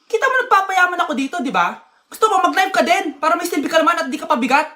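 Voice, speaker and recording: A woman's voice: very high voice, very animated, racing, pushed and bright. A woman acting out comic family skits, bossy and theatrical, switching between mother and child parts. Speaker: comedy skit performer.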